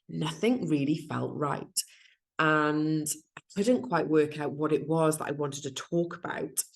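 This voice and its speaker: A woman hosting her own solo podcast, talking candidly and chattily about herself and laughing at her own flaws. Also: sits low. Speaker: podcast host and success coach. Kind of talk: reflective solo podcast monologue.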